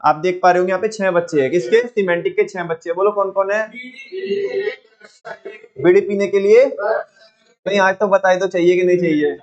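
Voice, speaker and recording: A man's voice: high voice, fairly even intonation, moderate pace, long pauses, muffled recording. A young man teaching a live class, quizzing his students and drilling them in call-and-response.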